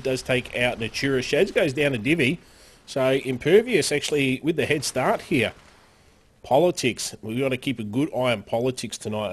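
A man's voice: mid-range voice, slightly rough. Man giving upbeat live game commentary. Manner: upbeat, with frequent fillers and sudden excited rises. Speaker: esports caster.

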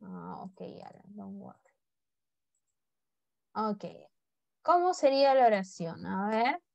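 A woman teaches English online, speaking mostly Spanish and coaxing students to repeat words after her to drill pronunciation. Her mid-range voice swoops wildly in pitch and is creaky and a little mellow; she takes it slowly, with no room sound.

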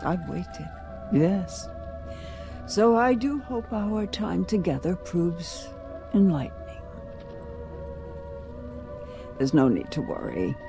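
An actress playing an eerie old fortune teller in a video game, speaking mysteriously and coaxingly with deliberate pauses. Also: female voice, lowish voice, sing-song, creaky, warm tone, heavily acted. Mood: eerie welcome. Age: older. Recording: music faintly underneath.

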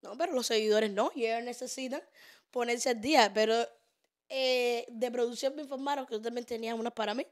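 Brief: young woman, podcast host, high pitch, joking banter, studio mic. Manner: playful, joking, quick-talking. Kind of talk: casual chat. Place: small studio room, indoors. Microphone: studio mic on stand.

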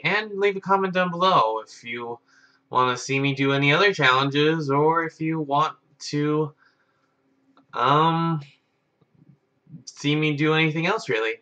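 Young guy vlogging casually in his bedroom, bright voice, a bit high. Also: highs cut off. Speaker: YouTube vlogger. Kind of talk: casual chat to camera. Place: carpeted bedroom, indoors.

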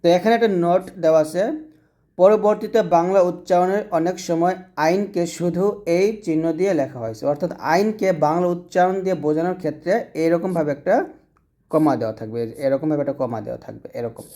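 A man's voice: high voice, mellow. A man teaching Quran reading, patiently explaining how each letter is pronounced and repeating the points step by step. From Bangladesh. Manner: patient, repetitive explanation with drawn-out letter demonstrations. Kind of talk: lesson.

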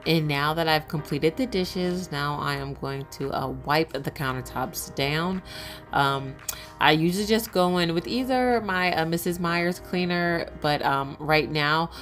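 A woman's voice: low-pitched, measured pace, a bit bright, faint music behind. A woman in her thirties, a mother, narrating a home vlog in a chatty, casual way with many filler words. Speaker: vlogger, mother.

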